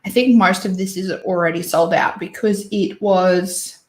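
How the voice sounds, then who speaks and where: Speaking at a medium pitch with a steady, unhurried tone, this woman hosts a beauty livestream that echoes noticeably. Hiccuping and sneezy, she reviews releases in a chatty, opinionated ramble packed with fillers and false starts.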